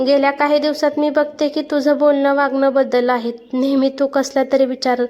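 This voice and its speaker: A caring, talkative young bride-to-be, voiced by a woman storyteller. She talks earnestly and insistently in a high, bright voice, over faint music. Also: monotone, normal speed, lo-fi sound, lightly acted. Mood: worried.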